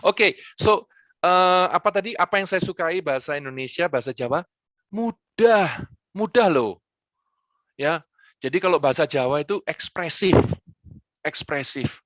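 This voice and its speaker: A man answering students' questions on a video call, talking in a playful, animated way and dropping in English phrases. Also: a little high, moderate pace, no echo, muffled recording. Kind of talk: lively Q&A on a school video call.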